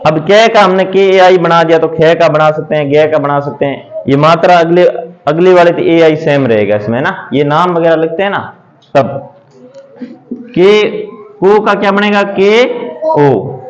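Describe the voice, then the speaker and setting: A man's voice: a little high, measured pace. A male teacher giving a step-by-step phonics lesson, repeating each question and answering it himself while writing examples on a board. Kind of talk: classroom lesson on English phonics. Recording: dull lo-fi recording.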